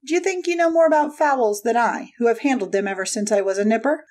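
A woman voicing a hot-tempered male poultry salesman, gruff and combative, in a dramatic audiobook. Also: a little high, fast, a little mellow, lightly acted. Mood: irritable, combative. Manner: gruff, combative, snapping delivery.

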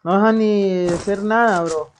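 A woman's voice: mid-range voice, fairly even intonation, unhurried, a little hiss or hum. A young woman from Colombia, live-streaming a game and hyping up her chat in slangy banter. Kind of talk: live gameplay commentary.

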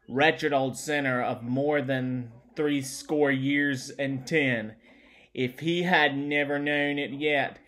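A man reading a classic novel aloud, halting often and restarting words. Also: medium pitch, fairly bright tone. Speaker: audiobook reader.

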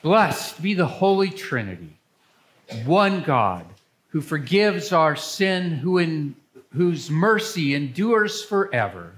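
An older man speaking as a pastor, reading liturgy to a congregation in a church with measured, solemn phrasing. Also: a little high, very animated, fairly bright tone. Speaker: pastor leading worship.

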